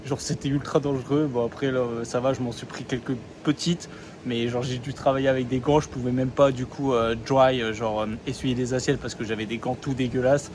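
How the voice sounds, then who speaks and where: A man's voice: mid-range voice, fairly even intonation, brisk. A young man from France chatting in a casual diary vlog, talking loosely with many fillers and slang. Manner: rambling, lots of fillers and slang. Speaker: vlogger. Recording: phone vlog with street noise.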